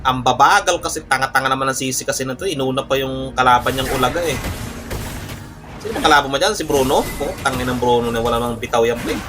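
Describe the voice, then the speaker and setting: A man's voice: medium pitch, fast talker, music in the background. A young man, commentating his own gameplay live with brash, cursing trash talk and boastful bragging. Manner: boastful, mock-calm refrains. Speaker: gaming streamer.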